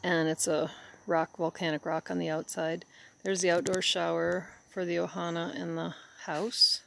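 A woman walking through her garden, recording on a phone and pointing out the plants in an unhurried way. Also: lowish voice, flat delivery, gravelly, a bit bright, a little hiss or hum. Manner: unhurried, pointing things out as she walks. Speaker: gardener giving a tour. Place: outdoor garden. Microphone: handheld phone, speaker behind camera. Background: crickets and outdoor ambience.

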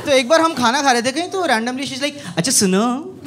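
A man's voice: very high-pitched, brisk, very noisy. A young man doing a stand-up set in a small comedy club, handheld mic, telling mocking stories with lots of energy. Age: young adult. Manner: animated, mocking storytelling. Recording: live club set with loud audience laughter.

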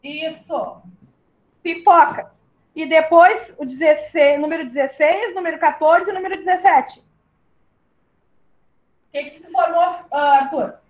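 A high, slightly mellow female voice comes through a muffled recording. The speaker, a primary school teacher from southern Brazil, patiently walks young children through syllables online, spelling them slowly and using "my love" for her pupils.

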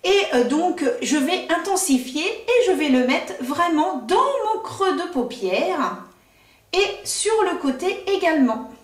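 Enthusiastic woman doing a makeup tutorial, high voice, roomy echo. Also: lively intonation, slow, distant mic. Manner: chatty, enthusiastic, frequent fillers. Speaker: makeup vlogger.

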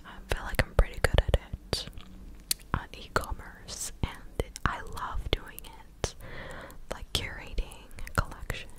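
A woman's voice: a little slow, rough recording. Young woman whispering close to the ear. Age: 20s. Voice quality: breathy unvoiced whisper. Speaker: ASMR content creator. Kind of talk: whispered ASMR chat. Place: living room indoors. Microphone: large USB microphone very close to the mouth.

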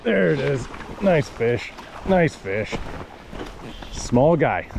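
A man's voice: mid-range voice, very slow, vocal fry, background noise. A man in his thirties from the United States, filming himself fly fishing outdoors on a river with a body-worn action camera and talking casually about each strike. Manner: excitable, exclaims at every strike, talks to the fish. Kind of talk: casual self-filmed commentary.

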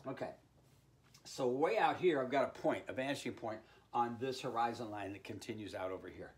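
Older guy in his 60s, folksy playful art teacher talking kids through a drawing, medium pitch. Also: brisk. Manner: playful, folksy, with sound words like boom and bing-bang. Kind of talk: informal instructional talk while drawing. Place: indoor room with art on the wall.

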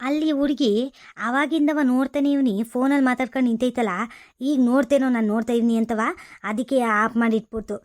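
A woman playing a sharp-tongued older village mother-in-law who scolds and nags with sarcasm, in a comedy skit. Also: on the high side, steady tone, a little fast, lightly acted. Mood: scolding.

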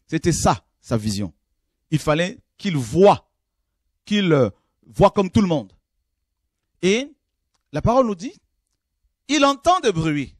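A male preacher giving a call-in sermon, fervent, rising from low murmurs to high exclamations, often repeating himself. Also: dry recording, studio quality. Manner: repeats and restarts phrases while addressing listeners.

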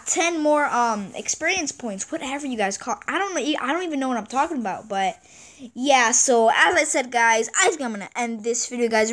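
A woman giving casual gameplay commentary, excitable and chatty, repeating exclamations and stumbling over words. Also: sits high. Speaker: gaming channel host.

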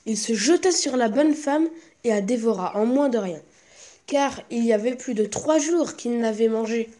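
A woman reading a classic fairy tale aloud as the storyteller, in a steady, careful way. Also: a little high, normal speed.

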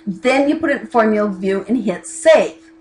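A woman's voice: a little high, expressive, moderate pace, a little mellow, poor audio. Chatty woman instructor recording a lesson. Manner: chatty, plain-spoken teaching with asides. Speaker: college instructor. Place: home desk with keyboard and lamp. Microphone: camera over the desk.

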